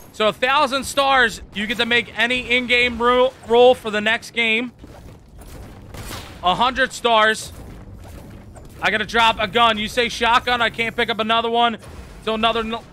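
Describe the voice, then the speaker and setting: A man streaming a game live, talking to his chat and friends in excited, hyped-up commentary. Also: very high voice, moderate pace, pauses often, a little hiss or hum.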